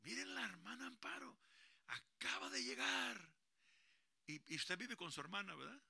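A man preaching as a pastor at a church service, animated and calling on the children and congregation to repeat after him. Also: high-pitched, moderate pace, creaky, slightly rough, dry recording. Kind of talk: lively bilingual sermon to a congregation.

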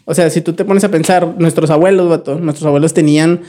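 Young Mexican man, casual podcast talk, slangy, higher-set mellow tone. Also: fast talker. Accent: Mexican Spanish. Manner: relaxed slangy, frequent restarts and fillers. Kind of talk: casual chat.

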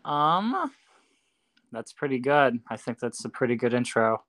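A man's voice: mid-range voice, sing-song, a little slow, fairly bright tone. A man from Minnesota, a podcast guest giving brief, dry answers. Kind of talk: casual podcast chat.

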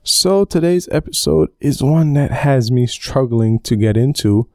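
A man's voice: mid-range voice, animated, measured pace, darkish tone, no echo, studio quality. Man podcasting under a blanket. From Belize. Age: 20s. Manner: rambling, chatty, self-aware about going off topic. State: sweating, hot under a blanket. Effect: recorded under a blanket. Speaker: podcast host. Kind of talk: casual solo podcast chat. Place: home bedroom, under a blanket. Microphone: home podcast mic under a blanket.

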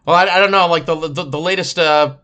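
A man's voice: fairly high pitch, a little fast, pushed and bright. A man co-hosting a casual chat, hesitant, often stammering and restarting. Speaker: podcast co-host.

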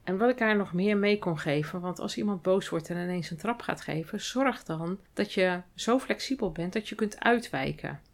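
Woman doing a solo podcast, lowish voice, calm and explaining things thoughtfully. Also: moderate pace, hardly any pauses. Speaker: podcast host and hospital clown. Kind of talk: reflective solo podcast monologue.

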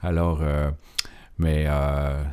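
Low-voiced hesitant Quebec host. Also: male voice, level tone, extremely slow, mellow, smooth. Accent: Quebec French. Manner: rambling, hesitant with many filler sounds. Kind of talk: casual radio-style presentation.

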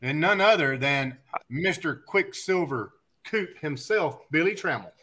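A man's voice: on the high side, lively intonation, unhurried, pushed and bright, slight background noise. A man hosting a casual podcast, joking and teasing his guests and stumbling over their names. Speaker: podcast host. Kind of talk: casual chat.

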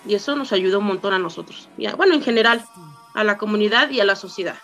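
A woman's voice: medium pitch, quick pace, a bit bright, dull audio, soft background music. A woman with a Mexican accent hosting a podcast, chatting casually and passing the turn to her guests. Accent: Mexican Spanish. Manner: chatty, hands the turn to others. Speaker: podcast host. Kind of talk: casual panel discussion.

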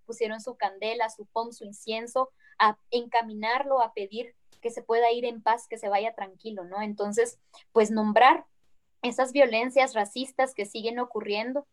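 A woman from Guatemala with a Guatemalan accent and a somewhat high voice. She speaks earnestly and thoughtfully as an interview guest. She keeps checking in with her listener as she talks. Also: fairly even intonation, moderate pace. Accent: Guatemalan Spanish. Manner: reflective, earnest, tags phrases with "¿no?". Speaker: guest activist. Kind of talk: conversational interview.

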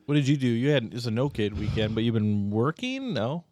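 A man in his thirties, chatting casually on a podcast. He rambles, stumbles and restarts his sentences. His voice sits mid-pitch, and the recording is dry and close. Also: big pitch swings, fairly quick, darkish tone, no echo. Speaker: podcast co-host. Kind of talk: casual chat.

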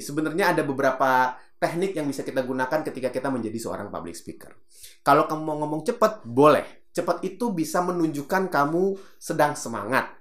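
A man who trains public speakers, teaching in a casual, animated way and acting out examples with sound effects. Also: a little high. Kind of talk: casual teaching talk to camera. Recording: roomy echo.

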